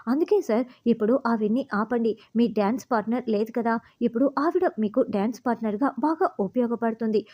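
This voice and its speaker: A woman's voice: on the high side, a little fast, few pauses, muffled recording, close to an everyday voice. A woman voicing an eager young assistant who urgently persuades her boss.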